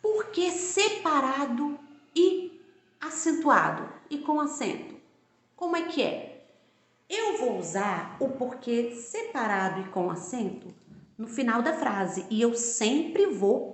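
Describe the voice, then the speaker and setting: A woman's voice: a little high, very animated, slow pace, reverberant. A woman teaching grammar, explaining patiently and repeating example sentences, often checking in with the listener. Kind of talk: classroom-style grammar lesson.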